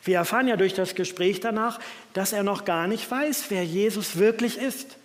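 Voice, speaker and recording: A man's voice: high-pitched, normal speed. A man preaching a sermon in a church, thoughtful in tone, reading scripture aloud along the way. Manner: reflective, reads scripture aloud. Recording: long church reverb.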